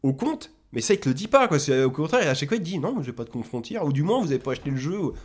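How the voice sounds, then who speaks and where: A man in casual podcast chat, ranting in an animated way and swearing freely. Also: a little high, racing. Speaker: podcast co-host.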